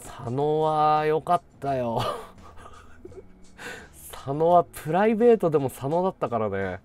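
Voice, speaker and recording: A man's voice: on the high side, animated, measured pace, darkish tone. A man live-streaming casual chat who tells an anecdote, acting out the people he quotes in changed voices and laughing often.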